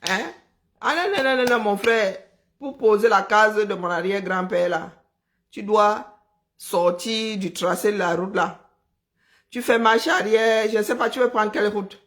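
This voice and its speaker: A woman hosting a live stream, talking in an animated, sarcastic, chatty way. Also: mid-range voice. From Cameroon. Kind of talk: casual live commentary.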